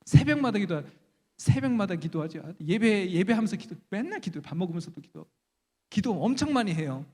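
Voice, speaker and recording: A man's voice: sits high, big pitch swings, a little fast, mellow, husky. A man giving a conversational Bible lecture at a church conference, chatty and humorous, often asking the audience questions. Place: large church chapel. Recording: reverberant church chapel.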